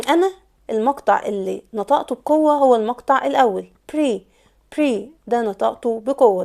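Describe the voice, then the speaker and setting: A woman with an Egyptian Arabic accent gives an English lesson in a fairly high but mellow voice. She slows right down to repeat example words, leaning on each stressed syllable. Her delivery is patient and explanatory. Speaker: English teacher. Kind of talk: online language lesson.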